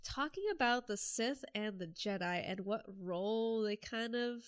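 A young woman co-hosts a casual fan podcast with a congested, stuffy voice. She speaks slowly and hesitantly, pausing to search for words. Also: a little high, smooth. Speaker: podcast co-host.

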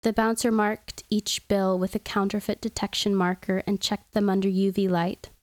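A woman hosting a podcast, reading a story aloud in a soft, measured, soothing way. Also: medium pitch, little pitch movement, dry recording. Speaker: podcast host reading stories. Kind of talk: scripted story narration.

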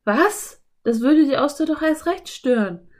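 Woman voicing an eager, high little girl. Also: lively intonation. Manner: high, eager, quick exclamations. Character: lively curious little girl, excitable and bold.

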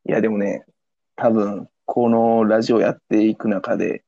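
A man's voice: on the low side, fairly even intonation, moderate pace, creaky, warm tone, no room sound, dull audio. A young man with a Kansai accent co-hosting a casual podcast, teasing and laughing often. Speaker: podcast co-host. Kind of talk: casual chat.

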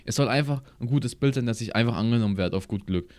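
A young man at his home computer rambles through a story in loose slang, jumping between his own lines and the other person's. His voice sits at a middle pitch and sounds dry and close. It feels like an offhand chat between friends. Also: quick pace, darkish tone, dry recording. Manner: slangy, rambling anecdote with acted-out quotes. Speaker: podcast co-host.

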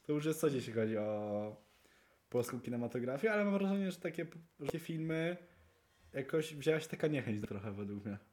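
A young man co-hosting a podcast in casual chat, excitable and swearing freely, his voice jumping up for emphasis. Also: medium pitch, brisk. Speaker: podcast co-host.

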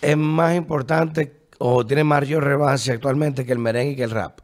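A man's voice: mid-range voice, fairly even intonation. Man, Dominican accent, interviewer, slangy and casual, mid-range voice. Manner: loose, slangy, quick interjections.

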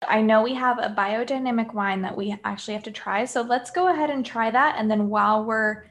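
A woman's voice: fairly high pitch, brisk. Chatty woman podcast host. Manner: chatty, many fillers. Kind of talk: casual podcast chat.

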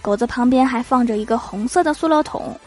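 A young woman telling comic stories about awkward chats in an amused, animated way. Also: on the high side, fairly quick. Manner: animated, amused read-out of chat jokes. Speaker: storyteller. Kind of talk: comic storytelling.

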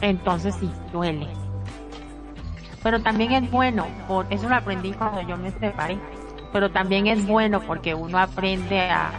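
An earnest woman hosts a talk program and walks through relationship troubles point by point, repeating herself for emphasis. Her voice sits at a middle pitch. Music plays clearly behind her throughout. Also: normal speed. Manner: earnest, lists points in long repetitive runs. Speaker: radio talk show host. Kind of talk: casual advice talk. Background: background music.

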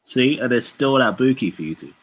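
A man's voice: medium pitch, expressive, fairly quick, a little hiss or hum. A man bantering casually as a podcast panellist.

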